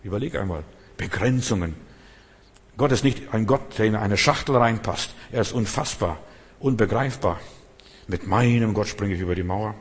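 A man's voice: on the low side, normal speed, breathy edge. A male preacher delivering an earnest sermon, exhorting the listener and addressing them directly. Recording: long hall reverb.

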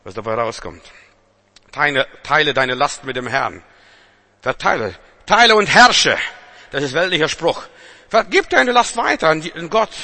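A male preacher delivering a sermon with a bright, forceful edge to his voice. He pitches a little high for a man and fires rhetorical questions at his listeners. He swings between loud exhortation and hushed, intense passages. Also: very animated, moderate pace.

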